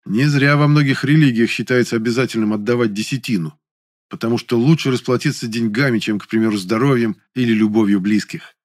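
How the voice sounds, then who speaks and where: Male audiobook narrator, first person, mid pitch, weary and matter-of-fact. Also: fairly even intonation, a little fast, dry recording, studio quality.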